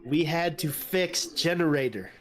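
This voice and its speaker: A man's voice: a little high, lively intonation, a little slow, a bit bright, a little hiss or hum. A man voicing a polite, apologetic adventurer in a tabletop role-play, speaking in plain, simple phrases. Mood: halting, simple.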